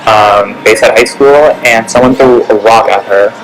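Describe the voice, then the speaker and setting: A man's voice: lowish voice, steady tone, normal speed, rough recording. A young man conducting a casual class interview, hesitant and full of ums. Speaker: student interviewer. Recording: background music.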